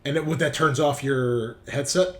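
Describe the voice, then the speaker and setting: A man of medium pitch, slightly bright and fairly even in intonation, speaks at normal speed as a tabletop game master. On a headset call he chats casually, repeating phrases while thinking aloud, with clear background noise.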